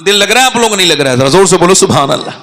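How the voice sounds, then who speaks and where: A man preaching a sermon, telling stories and rising to shouts as he leads the crowd. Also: high-pitched, expressive, in a large hall, a little hiss or hum. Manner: storytelling, rises to shouting and leads crowd chants.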